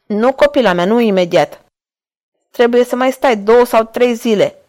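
A woman's voice: on the high side, a little mellow, lightly acted. A woman voicing an old, lustful and domineering pope in a storybook reading, coaxing and intense. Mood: soothing.

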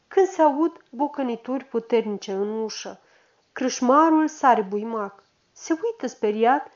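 A woman narrates a story in a steady, expressive reading voice. Her voice sits somewhat high. The recording is dull and lo-fi.

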